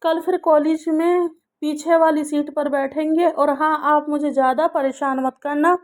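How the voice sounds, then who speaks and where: A woman voicing a gentle, gravely ill young man who speaks softly and tenderly in a storybook tale. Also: high-pitched, steady tone, a little slow.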